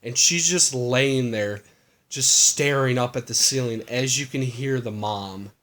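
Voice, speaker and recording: A man's voice: mid-range voice, a little slow, fairly bright tone. Rambling male co-host recapping a movie. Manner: rambling, lots of fillers and crude jokes. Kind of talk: casual chat.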